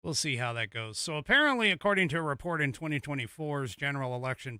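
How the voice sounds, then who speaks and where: An American man hosting a casual political commentary show, talking haltingly as he thinks aloud and reads out news. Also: medium pitch, pushed and bright, clean tone, dry recording.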